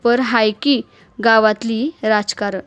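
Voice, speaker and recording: A humble, tired older farmer speaking in slow rustic talk, voiced by a woman storyteller. His voice sits a little high. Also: fairly even intonation, fairly bright tone, clear, resonant tone, no echo, soft background music. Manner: plain, unhurried village talk. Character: humble older male farmer, plain-spoken and weary.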